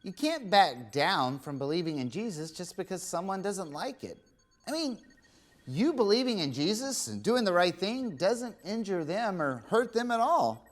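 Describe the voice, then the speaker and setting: A woman voicing a curious, easily confused male puppet doctor who gently explains Bible lessons in a children's church show. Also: fairly low pitch, sing-song, moderate pace. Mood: explaining.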